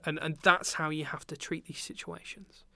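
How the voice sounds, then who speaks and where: A man's voice: fairly high pitch, moderate pace, gravelly, dry recording. A young adult British man telling work stories in a casual podcast chat, with lots of ums. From Britain. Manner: relaxed storytelling with many ums. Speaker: podcast guest, teacher and business owner.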